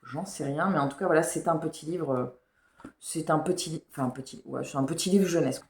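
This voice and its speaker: A woman's voice: low voice, brisk, a little mellow. A woman book vlogger chatting casually and rambling about her reading pile, with slightly unclear diction. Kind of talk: casual chat. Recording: echoey room.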